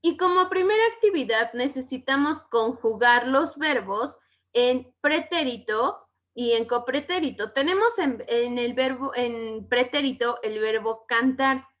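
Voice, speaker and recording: A woman's voice: fairly high pitch, fairly bright tone, highs cut off. A woman with a Mexican Spanish accent teaching a grammar lesson to schoolchildren, often checking in with "¿ok?". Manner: slow, checks in with "¿ok?".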